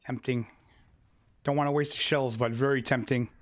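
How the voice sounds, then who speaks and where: A young streamer comments casually on his own live gameplay, muttering laid-back asides as he plays. His voice is medium in pitch with fairly even intonation and a moderate pace.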